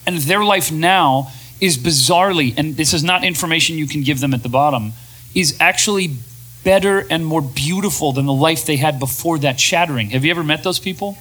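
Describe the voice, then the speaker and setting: Bright-voiced man talking animatedly. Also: fairly high pitch, brisk, rough recording. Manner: animated, jumps into quoted voices. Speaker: podcast co-host. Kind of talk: casual talk to a live audience. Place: room with an audience.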